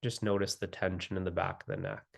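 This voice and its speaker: A man with a deep, creaky voice and flat delivery guides a meditation. He speaks gently and soothingly, leaving long pauses between phrases.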